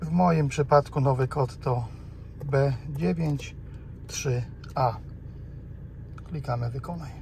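With a mid-range, slightly mellow voice, a man with a Polish accent talks slowly and leaves long pauses as he explains a car fix step by step. He's the host of a car DIY channel, speaking conversationally and somewhat hesitantly from inside a car. The background noise of the car is clearly heard.

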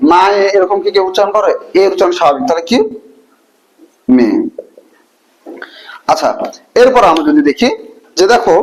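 A man's voice: sits high, rough recording. A Bangladeshi man teaching a classroom lesson, repeatedly asking questions and answering them himself in drills. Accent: Bangladeshi Bengali.

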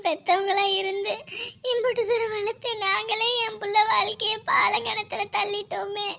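A woman playing a sobbing mother, very high voice. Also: little pitch movement, moderate pace, vocal fry, pushed and bright, heavily acted. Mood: lamenting. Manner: sobbing, lamenting, pleading with the gods. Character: distraught middle-aged mother, wailing over her son. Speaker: grieving mother. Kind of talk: Tamil TV drama acting.

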